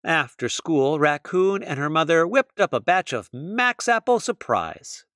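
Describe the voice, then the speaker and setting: A man reading a children's picture book aloud, slow and expressive. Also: fairly high pitch, no echo, clean studio sound. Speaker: storybook reader. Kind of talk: children's read-aloud narration.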